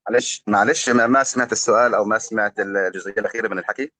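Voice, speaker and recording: A man with a Palestinian Arabic accent giving earnest, formal-leaning testimony, pausing often as he speaks. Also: fairly low pitch, steady tone, pushed and bright. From Gaza, Palestine. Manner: hesitant, pausing often with fillers. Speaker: journalist being interviewed.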